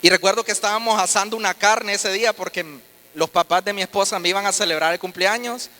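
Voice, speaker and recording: Male testimony speaker, high-pitched, earnest storyteller, echoing hall sound. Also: fairly even intonation, quick pace, sharp tone. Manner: earnest storytelling with frequent restarts. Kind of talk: personal faith testimony. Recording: reverberant hall.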